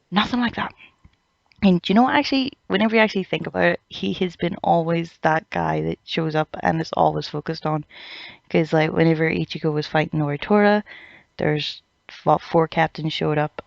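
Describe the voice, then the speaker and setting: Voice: mid-range voice, vocal fry, no echo. A podcast host giving a casual review of anime chapters, ranting, swearing freely and mocking characters in put-on quote voices. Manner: swears freely, many fillers. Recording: dull lo-fi dry recording.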